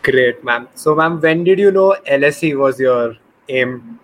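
A man's voice: medium pitch, a little slow, rough recording. A man with an Indian English accent asking polite, conversational questions as an interviewer.

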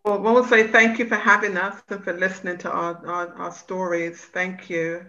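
A woman's voice: lowish voice, little pitch movement, normal speed, sharp tone, highs cut off, slight background noise. A British woman with a British accent, chatting casually as a guest and laughing between remarks. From Britain. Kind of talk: casual chat.

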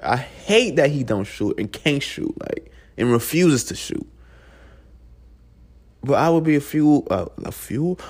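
Loose, profane man with lively pitch. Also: vocal fry, breathy edge. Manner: loose, profane, rambling with restarts. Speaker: podcast host. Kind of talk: casual solo podcast talk. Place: at home.

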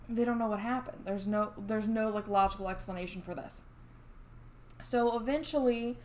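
A woman's voice: mid-range voice, a little mellow, slight background noise. A woman co-hosting a podcast, telling a true story in casual chat with many fillers and restarts. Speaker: podcast co-host.

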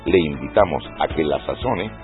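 A man's voice: rumbling low, expressive, moderate pace. A man announcing a radio show intro in a scripted promo read. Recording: narrow phone-like radio audio with music.

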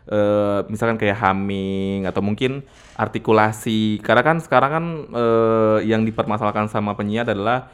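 Chatty young man, lowish voice. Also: normal speed, smooth. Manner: relaxed, rambling with many fillers. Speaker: radio announcer, podcast co-host. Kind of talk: casual chat.

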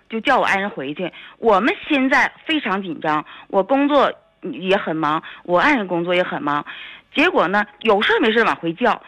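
A woman's voice: medium pitch, fairly bright tone, no echo, low-quality recording. A woman, calling in to a radio show to complain, indignant and repeating herself. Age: 40s. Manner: indignant, talks over the host, repeats herself. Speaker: caller, a doctor. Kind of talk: phone-in complaint.

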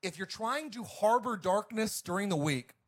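With a high, expressive voice at a moderate pace, this male pastor gives his congregation an emphatic, preacherly sermon. His volume swings between loud and quiet.

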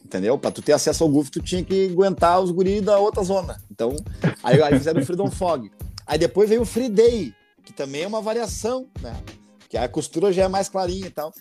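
Male comic guest, rio grande do sul accent, rattles off slangy anecdotes quick, a bit high-pitched. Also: soft background music. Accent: Rio Grande do Sul Portuguese. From Porto Alegre, southern Brazil. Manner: animated, full of slang and exclamations. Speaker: comedian guest. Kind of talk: casual storytelling chat.

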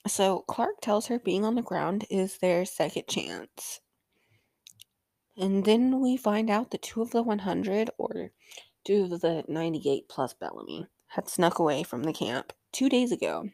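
A woman's voice: mid-range voice, very animated, a little slow, gravelly, mellow, no room sound. A young woman hosting a casual TV episode recap, chatting loosely with swearing and frequent ums. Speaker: recap show host.

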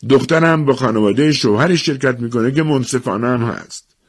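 A man playing a resigned village husband and father who speaks sadly in a husky voice. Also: medium pitch, voice pushed up, lightly acted. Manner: sad, resigned.

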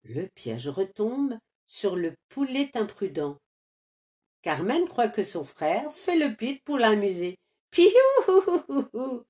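A woman narrating an animated children's series in a gentle, measured storytelling manner. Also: medium pitch.

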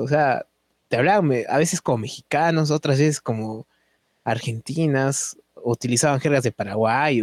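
A man's voice: mid-range voice, no echo. Man, podcast host, chatty, tag questions, dry sound. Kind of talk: casual chat.

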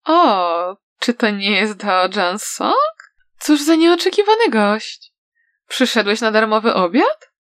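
A woman voicing a cruel, sly young villain who taunts in a soft, low voice, in a storybook reading. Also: big pitch swings, slow pace, dry recording, studio quality, exaggerated voice. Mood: mocking.

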